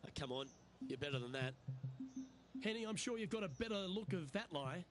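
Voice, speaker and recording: A man's voice: sits high, lively intonation, fairly quick, music in the background. A man working as lead golf commentator, calling play-by-play for a video game broadcast. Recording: loud crowd and ambient noise behind. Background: golf crowd and outdoor ambience.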